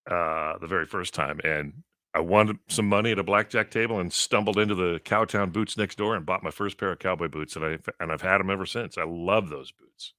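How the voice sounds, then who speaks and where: A man with a low, deep voice that still rings bright and forward. He chats and spins stories on morning radio with an easy laugh, and the sound is close and dry. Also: fairly even intonation, brisk, no room sound. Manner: chatty storyteller, laughs often. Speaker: radio show co-host. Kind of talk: casual morning radio banter.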